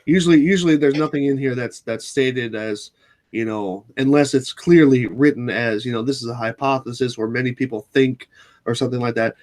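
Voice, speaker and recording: A man of middling pitch talking in a loose, casual chat. He is blunt and sarcastic, swears freely, and often stops and restarts mid-sentence. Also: brisk, darkish tone. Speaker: channel host.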